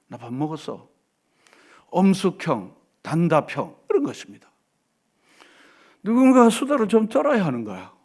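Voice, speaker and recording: A middle-aged male pastor preaching a Sunday sermon in a church, swinging from animated delivery to soft asides and acted quotes. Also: a little high, slightly rough. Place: church sanctuary.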